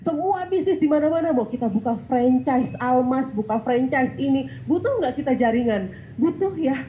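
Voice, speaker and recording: A woman in her thirties with a stuffy nose giving a lively testimonial speech, acting out dialogue as she tells her story. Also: high voice, normal speed, slight background noise, low-quality recording. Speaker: sales testimonial speaker. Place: event hall.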